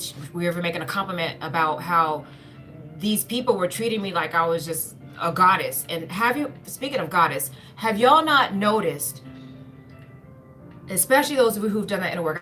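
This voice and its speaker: A woman's voice: lowish voice, a bit bright. A woman giving an earnest, repetitive spiritual pep talk, often calling her listeners y'all. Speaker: spiritual speaker. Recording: talk over clear background music. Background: music.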